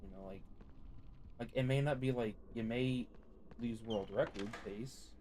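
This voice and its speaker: A man's voice: mid-range voice, unhurried, darkish tone. A young man streaming a speedrun, chatting casually in a rambling way, with many fillers and frequent laughs. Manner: rambling, heavy on "like", laughs often. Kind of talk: casual commentary while playing. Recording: noisy game stream audio.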